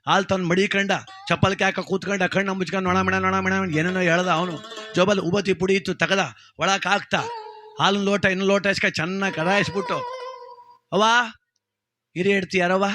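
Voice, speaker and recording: A man telling a comic village folk story in a lively, chatty way. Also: sits high, fairly quick, faint music behind. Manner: lively, chatty, addresses listener.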